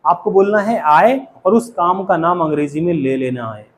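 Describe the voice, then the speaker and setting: A man's voice: sits high, animated, moderate pace. A man with an Indian accent teaching a spoken English class, often quizzing the students and having them repeat after him. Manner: asks the class questions and has them repeat.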